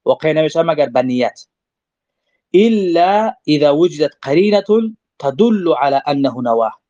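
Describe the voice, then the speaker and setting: A man's voice: fairly high pitch, expressive, mellow, dry recording. A male religious teacher speaks in a slightly raised voice, reading brief Arabic lines and then unpacking them in plain everyday talk. The recording is close and dry, with a dull, lo-fi sound. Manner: reads short Arabic passages, then explains them conversationally with examples. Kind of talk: explaining a legal text line by line.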